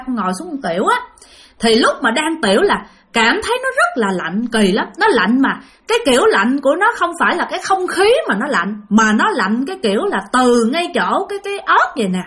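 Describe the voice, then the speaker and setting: Animated Southern Vietnamese woman telling ghost stories. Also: high-pitched. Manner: animated, addresses listeners directly. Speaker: storyteller. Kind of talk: spoken ghost story narration.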